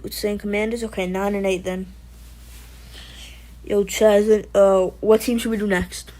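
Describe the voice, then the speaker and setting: A woman streaming casually to her chat, joking and rambling with loose restarts. Her pitch sits in a middle range, and she calls out to viewers by name. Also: flat delivery, a little slow, mellow, poor audio. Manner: playful, jokey, talks to chat by name. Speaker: livestream host.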